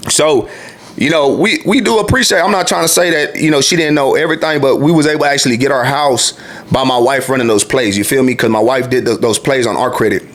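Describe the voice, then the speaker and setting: A man's voice: mid-range voice, fast, fairly bright tone. Profane laid-back guy in his late twenties. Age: 20s. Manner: loose and profane, peppered with "you feel me". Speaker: former truck driver and host. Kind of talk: casual storytelling monologue.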